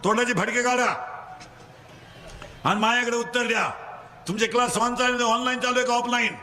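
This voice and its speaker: A man with a Marathi accent preaching a comic kirtan sermon, teasing the audience and making them shout answers back. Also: very high-pitched, fairly even intonation. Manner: rapid call-and-response, drilling the crowd to answer; teasing, scolding schoolboys.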